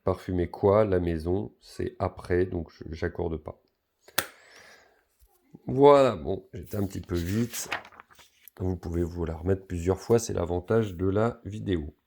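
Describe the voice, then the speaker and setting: Low gravelly male teacher. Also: measured pace, dark tone. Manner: patient, explains step by step. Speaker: primary school teacher. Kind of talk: recorded remote lesson.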